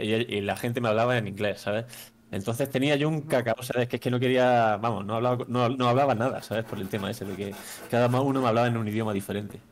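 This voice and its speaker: Chatty streamer man, lowish voice. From Spain. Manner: chatty, tags many sentences with a questioning aside. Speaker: streamer host. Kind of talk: casual stream chat.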